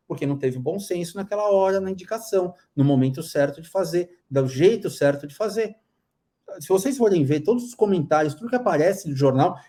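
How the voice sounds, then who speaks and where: A man's voice: fairly high pitch, dark tone. A man with a Brazilian Portuguese accent, teaching aesthetics professionals in a casual live class, blunt and critical, often restarting phrases. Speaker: dental aesthetics instructor.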